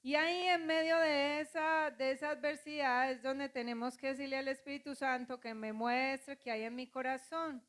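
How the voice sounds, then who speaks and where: High-voiced woman pastor preaching. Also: steady tone, moderate pace, few pauses, fairly bright tone. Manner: preaching with call-and-response, acting out quoted voices. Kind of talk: sermon.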